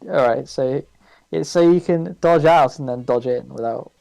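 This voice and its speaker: Gravelly-voiced man in casual podcast chat. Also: medium pitch, mellow, no room sound, rough recording. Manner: quick, chatty, laughs easily. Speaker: podcast co-host. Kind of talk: casual chat about a board game.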